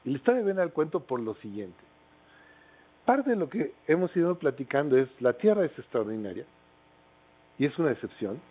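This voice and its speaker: Pitched on the high side and sing-song, a middle-aged Mexican man lectures at normal speed, pausing often. His storytelling style is casual, with plenty of fillers and tag questions, and his Mexican accent is clear. It's a tinny, phone-like recording.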